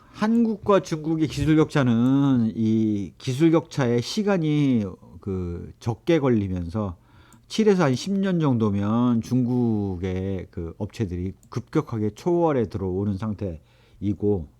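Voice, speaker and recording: A man's voice: medium pitch, mellow. A man giving a recorded economics lecture, explaining at length with frequent fillers and self-corrections.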